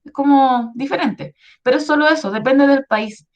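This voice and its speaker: A woman's voice: sits high, moderate pace, muffled recording. Chilean woman teaching history online. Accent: Chilean Spanish. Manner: patient, explaining with many checks like "¿ya?". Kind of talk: online class to schoolchildren.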